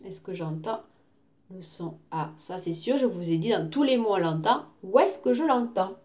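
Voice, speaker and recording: A woman teacher gives a recorded phonics lesson to young children, sounding out words syllable by syllable, slowly and with clear articulation. Her voice is medium-pitched, a little mellow, with lively intonation.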